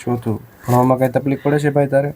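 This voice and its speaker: A man from a charity gently asks questions and reassures the family he is visiting. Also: medium pitch, little pitch movement, racing, a little hiss or hum. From Gujarat. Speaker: charity worker interviewer. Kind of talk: interviewing.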